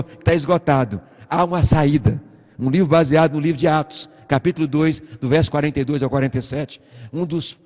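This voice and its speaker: A man with a Brazilian accent preaching a sermon as pastor, a lively storyteller who acts out the voices in his stories. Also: on the high side, big-room sound. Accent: Brazilian Portuguese. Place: church.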